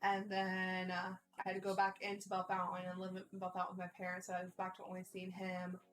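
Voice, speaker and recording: A woman in casual group chat, telling a personal story in a halting, stop-and-start way. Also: lowish voice, completely flat delivery, music in the background.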